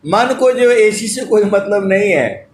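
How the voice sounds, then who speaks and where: Male preacher, devotional sermon, slow chanted verses, fairly high voice, roomy echo, faint background. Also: expressive, slight background noise. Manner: slow drawn-out chanting of verses between spoken teaching; addresses listeners fondly as dear devotees. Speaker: spiritual preacher.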